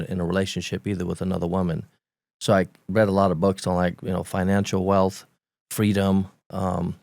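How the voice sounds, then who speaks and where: This podcast guest, a man in his forties, has a very low, gravelly voice and a Romanian accent, delivered in a flat, even manner. Recalling his past candidly, he falters, repeats words and restarts, with the odd light laugh. The audio is close-miked and echo-free.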